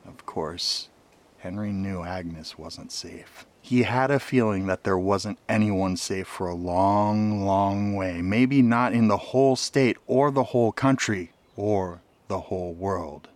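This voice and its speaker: A man reading a story aloud as dramatic audiobook narration, often dropping to a hushed near whisper. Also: low voice, takes it slowly, dry recording.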